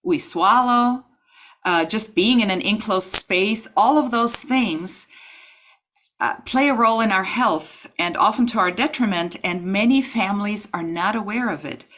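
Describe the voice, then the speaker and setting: A woman's voice: mid-range voice, a little slow. A middle-aged woman hosting a video-call interview series from her home, speaking articulately and asking long, carefully framed questions. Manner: articulate and warmly admiring, longer framed questions. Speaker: host. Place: home room with bookshelf and red rug. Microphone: video call webcam.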